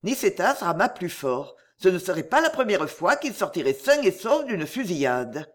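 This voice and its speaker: A narrator reading a French adventure tale aloud in an expressive storybook style. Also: medium pitch, moderate pace. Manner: lively, expressive read-aloud delivery.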